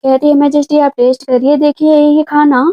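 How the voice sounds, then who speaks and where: Woman recap narrator, high voice, casual storytelling, acts out the dialogue lightly, dull lo-fi recording. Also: flat delivery, normal speed, dark tone. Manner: retells scenes, speaking the characters' lines in her own voice. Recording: dull lo-fi sound.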